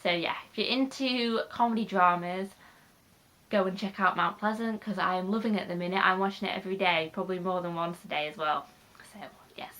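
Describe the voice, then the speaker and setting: Speaking a little fast in a fairly low, fairly bright voice, a young woman with a British English accent chats her way through a casual vlog, full of fillers and rambling asides. She's a YouTuber, and a cold gives her voice a slight nasal quality.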